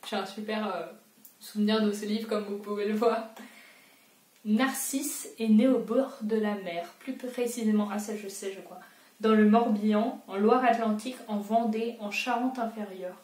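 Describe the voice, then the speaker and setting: A woman's voice: mid-range voice, steady tone, moderate pace, a little mellow, far from the mic. A young woman talks through a quiz in a casual, self-mocking vlog voice. She sits a little back from the mic in a roomy, echoing space. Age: young adult. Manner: chatty, self-mocking, thinking aloud. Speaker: booktuber.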